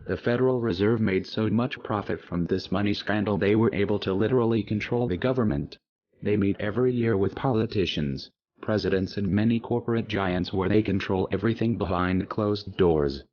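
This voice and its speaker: An anonymous man narrating a scripted message in a disguised, pitched-down deep voice, with a grave, declaring tone, on a dull lo-fi recording. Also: normal speed. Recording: dull lo-fi audio.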